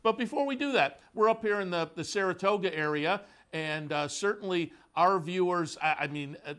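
A man hosting a horse racing show, interviewing a guest in a relaxed, conversational way with frequent fillers. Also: sits high, moderate pace. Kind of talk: broadcast interview. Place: studio in the Saratoga area.

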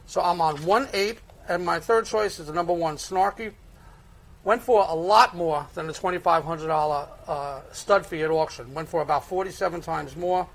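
A man's voice: on the high side, moderate pace, gravelly. A man with a Brooklyn accent giving conversational horse racing analysis and picks as a handicapper. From Brooklyn, United States.

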